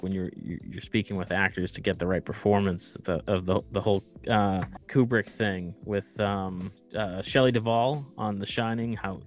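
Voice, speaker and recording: A man asking an interview question hesitantly, with many fillers and restarts. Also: fairly low pitch.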